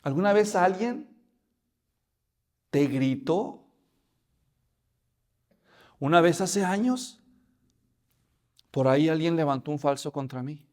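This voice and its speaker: A pastor preaching a sermon, telling the story in an animated way and addressing listeners as brothers. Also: male voice, a little high, slow pace, long pauses.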